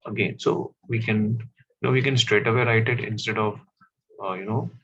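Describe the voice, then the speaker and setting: A man teaching a class, explaining step by step and often pausing with fillers. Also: fairly low pitch, fairly even intonation, fairly bright tone, slight background noise. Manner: slow, stop-start explaining with fillers. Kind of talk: classroom map lesson. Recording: dull, slightly lo-fi audio.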